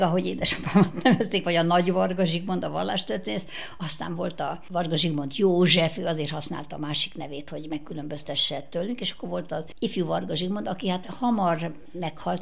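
Older woman with gravelly low voice. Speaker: interviewee. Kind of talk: reminiscing interview.

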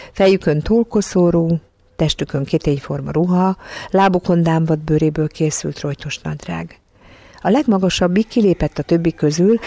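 A narrator reading a children's storybook aloud in an even, measured way. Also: medium pitch, creaky, no room sound. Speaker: audiobook narrator.

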